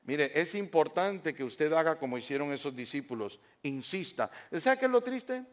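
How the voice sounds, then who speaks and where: A male pastor preaching a sermon in church, swinging from shouted lines down to quiet, hushed stretches and asking the congregation questions. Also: on the high side, very animated, normal speed.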